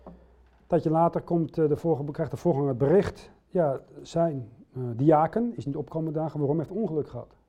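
A man's voice: fairly high pitch, brisk, warm tone. A middle-aged man preaching a sermon, speaking earnestly and putting direct questions to his listeners. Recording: dull lo-fi recording.

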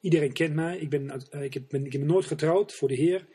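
A man's voice: fairly high pitch, a little fast, mellow, husky. A man voicing a proud male archbishop who insists everyone knows him, in a sermon parable. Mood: indignant. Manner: indignant, self-assured.

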